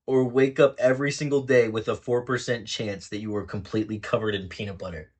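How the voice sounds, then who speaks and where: A man's voice: lowish voice, fairly even intonation, a little fast, husky. A tipsy young man co-hosting a podcast, bantering casually and repeating himself over a drinking card game. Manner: tipsy, repetitive, rambling talk while drinking. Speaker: podcast co-host.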